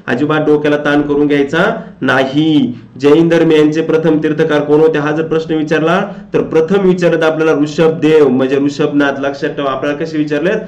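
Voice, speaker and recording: A man teaches an exam coaching lecture, going through questions one by one and asking them back to his students. His voice sits fairly high for a man. The sound is roomy, with a clear echo off the walls. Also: dull audio.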